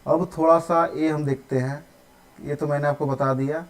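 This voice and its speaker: A man's voice: a little high, fairly even intonation, moderate pace, low-quality recording. A young adult man teaching basic percentages in a live online maths lesson, explaining patiently, repeating each step and checking in with his students often. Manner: patient, repeats steps, says "ठीक है" often.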